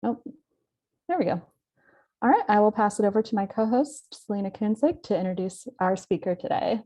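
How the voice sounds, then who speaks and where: Mellow-voiced woman hosting a webinar. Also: medium pitch, expressive. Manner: plain, slightly halting delivery with self-corrections. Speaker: event host. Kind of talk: online webinar introduction. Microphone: video call.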